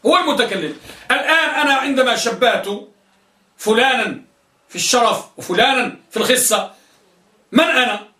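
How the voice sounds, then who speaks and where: A man's voice: very high-pitched, animated, normal speed, long pauses, sharp tone. A male teacher giving a classroom lesson, questioning students and drilling their answers. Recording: echoey room, mic at a distance.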